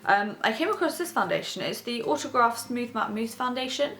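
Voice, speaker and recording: A woman's voice: fairly high pitch, expressive, brisk, a bit bright, slight background noise. A young woman chatting casually and rambling a little as she does her makeup, vlogging from her bedroom. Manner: rambling, casual, talks while doing makeup. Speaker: beauty vlogger host. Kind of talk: chatty get-ready-with-me makeup tutorial. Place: bedroom, sitting on her bed.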